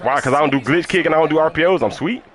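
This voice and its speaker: A man's voice: a little high, rapid-fire, fairly bright tone. A man streaming a football video game live, heatedly mocking his opponent and repeating his taunts over and over. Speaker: gaming streamer.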